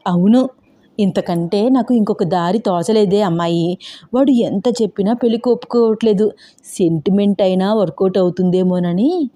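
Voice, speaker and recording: A woman voicing a bossy, scheming grandmother in her seventies who scolds loudly and talks slyly. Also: mid-range voice, moderate pace, close to an everyday voice. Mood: sly, confiding. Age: over 60. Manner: shouting, scolding, sly.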